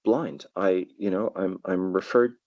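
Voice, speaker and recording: With a deep, steady, darkish voice at a measured pace, a middle-aged Canadian tour guide tells stories as a podcast guest. He's thoughtful and casual, often repeating words as he gets going, in a lo-fi recording with no echo.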